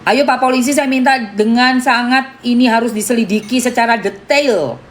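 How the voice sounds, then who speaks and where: Woman, indignant live-stream chat, fairly high voice, faint background hiss. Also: moderate pace. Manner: talks to viewers by name, argues indignantly; calls herself [name]. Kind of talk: casual live-stream commentary.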